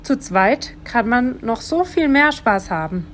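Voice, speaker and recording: A woman's voice: fairly high pitch, sing-song, a little slow, fairly bright tone, slight background noise, voice pushed up. A woman voicing a cheeky, easygoing little male earthworm in a children's storybook, cheerful and a bit bossy.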